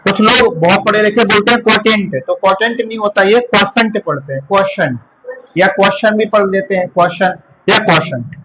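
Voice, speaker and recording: A male school teacher from India explaining division in a lesson, asking questions and answering them himself, and slowly repeating key terms. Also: high-pitched, noisy background. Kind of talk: classroom math lesson.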